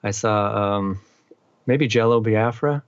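Here the guest is a middle-aged musician from eastern Massachusetts whose lowish, clear and resonant voice moves slowly. He's relaxed and rambling in this casual interview chat, full of fillers, and the audio lacks room sound with the highs cut off.

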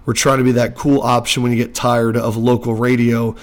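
Man, podcast host, recorded under a blanket, casual chatty delivery, mid-pitched voice. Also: flat delivery, fairly quick. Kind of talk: casual sports podcast chat. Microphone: home microphone under a blanket.

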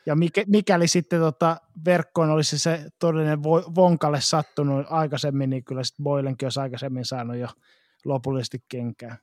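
A man's voice: a little high, steady tone, darkish tone, no echo, clean studio sound. A man co-hosting a casual sports podcast, blunt and prone to stammering restarts. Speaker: podcast co-host.

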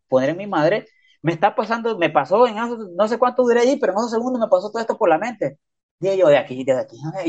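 A man's voice: high voice, a little mellow, dull audio. A man telling a story in a casual interview, full of slang and sound effects. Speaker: podcast guest, prisoner.

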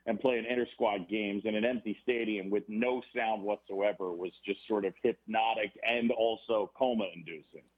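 A man, a baseball broadcaster guest on a podcast, talking in a rambling, animated way with many restarts. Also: fairly low pitch, moderate pace, hardly any pauses. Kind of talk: casual podcast conversation. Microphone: phone or remote call. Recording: tinny phone line.

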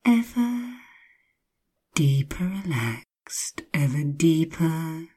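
A woman narrating a guided sleep hypnosis like a sleep story, hushed and soothing, often slipping into whispers, with drawn-out, repeated phrases. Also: deep voice, sing-song, slightly rough. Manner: drawn-out, repetitive phrasing with long pauses.

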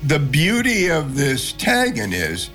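A man explains things conversationally in an interview. He speaks slowly with very varied intonation, over soft music. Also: on the high side, wildly swooping pitch. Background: faint music.

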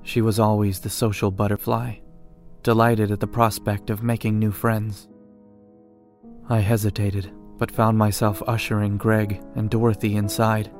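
A man narrates a horror story in the first person, measured and unhurried. His voice sits low and barely moves in pitch, with soft music underneath. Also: level tone.

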